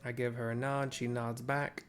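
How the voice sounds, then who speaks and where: A man's voice: medium pitch, little pitch movement, normal speed. A man casually narrating his playthrough of a game, describing scenes and correcting himself as he goes.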